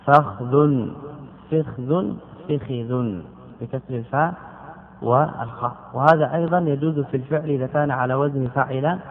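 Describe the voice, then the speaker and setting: A man giving a classical Arabic grammar lesson, drilling word forms by repeating them slowly and putting questions to his students. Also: medium pitch. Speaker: grammar teacher. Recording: tinny phone-like lecture recording.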